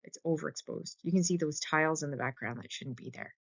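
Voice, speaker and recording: Talking quickly in a low, creaky voice, a female lecturer covers veterinary radiography in a relaxed, chatty manner. She often stops to ask her students short questions, and the voice-over sound is dull and lo-fi.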